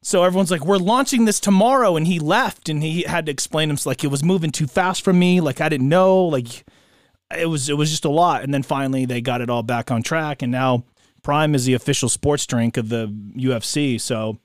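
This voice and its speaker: Slangy guy with a higher-pitched, close-miked voice. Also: brisk, no room sound. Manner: slangy, bro-heavy talk. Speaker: podcast co-host. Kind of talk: casual sports chat.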